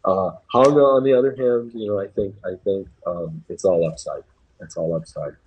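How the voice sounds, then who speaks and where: Heard through a muffled recording, a deep, slightly rough-voiced New England man speaks at normal speed. He offers opinionated, casual basketball commentary and repeats phrases to stress his views.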